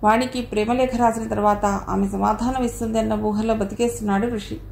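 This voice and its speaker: A woman narrating an audio novel in a steady storytelling way. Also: on the high side, brisk, creaky. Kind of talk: scripted narration. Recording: roomy echo, faint noise.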